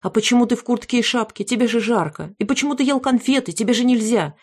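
A woman doing a frantic, shrill mother. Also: expressive, normal speed, a little mellow, slightly rough. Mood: scolding. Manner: shrill and scolding.

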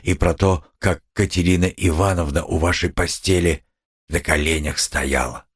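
A man's voice: low voice, steady tone, normal speed, husky. A man playing a brooding, gloomy young man who speaks curtly. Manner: curt, gloomy, softening at times.

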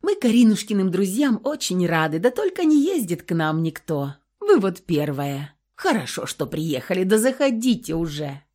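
A woman's voice: lowish voice, sing-song, moderate pace, few pauses, a little mellow. A woman reading an audiobook, voicing a kindly old grandmother who talks in a folksy, fussing way. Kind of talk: audiobook character voice.

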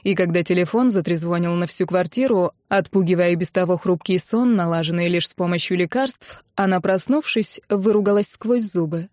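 A woman reading a novel aloud as an audiobook narrator, with a measured, even delivery. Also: lowish voice, no echo, studio quality. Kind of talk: scripted narration.

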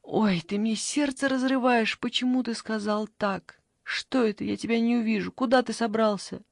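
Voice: moderate pace, no room sound, clean studio sound, close to an everyday voice. A reader voicing a fussy, clingy old grandmother in an audiobook, pleading and fussing in a raised voice. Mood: pleading, anxious. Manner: pleading, fussing, high-pitched outbursts.

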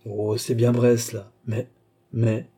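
A man's voice: medium pitch, little pitch movement, slow, dark tone, slightly rough. A man reading a proud cardinal prince in financial distress, haughty yet anxious and pleading. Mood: anxious pride.

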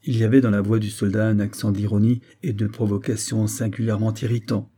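A man reading a 19th-century novella aloud in a measured storytelling manner. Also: lowish voice, little pitch movement, warm tone. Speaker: audiobook reader.

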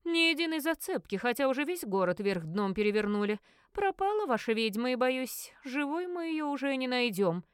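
A woman's voice: high-pitched, big pitch swings, moderate pace, clean tone, no room sound. A woman reading the part of a cold, pressing male investigator in an audiobook, in a dry room. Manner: cold, interrogating.

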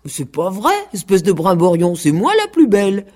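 Proud prim goose, read by a woman; haughty, disdainful, animated. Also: on the low side, moderate pace, slightly rough. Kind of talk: radio play reading.

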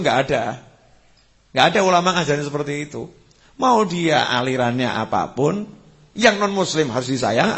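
A man preaching to a live audience, telling a story in an animated way with sudden high bursts and low asides. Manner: animated storytelling, pitch leaping up when emphatic, dropping low for asides. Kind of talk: religious lecture to a live audience.

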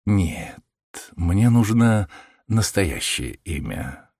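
Calm soft-spoken detective, as a male reader does him, low and quiet, measured, audiobook, dry close sound. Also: breathy edge, dry recording, exaggerated voice. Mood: gentle. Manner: soft, gentle, measured speech. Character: calm, clever male detective, gentle and assured.

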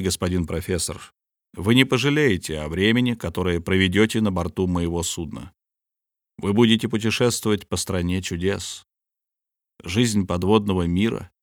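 Low-pitched stern ship captain, cold measured commands, dry close sound, read by a man. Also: no echo, close to an everyday voice. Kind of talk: audiobook character reading.

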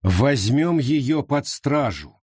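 A man voicing a troubled village pastor who speaks gravely and reluctantly. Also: fairly high pitch, sing-song, measured pace, darkish tone, no echo, clean studio sound, voice pushed up, full character voice.

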